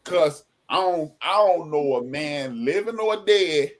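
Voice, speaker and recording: A man co-hosting a casual podcast, talking animatedly and acting out quoted lines in loud bursts. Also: on the high side, expressive, slow. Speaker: podcast co-host.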